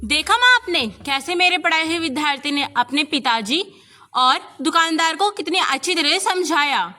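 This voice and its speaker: Resolute schoolteacher played by a woman, reassuring declamation, bright and high, street theatre, slightly noisy recording. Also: animated, moderate pace. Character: caring, resolute female schoolteacher, devoted daughter. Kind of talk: amateur street play acting. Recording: noisy amateur recording with clicks.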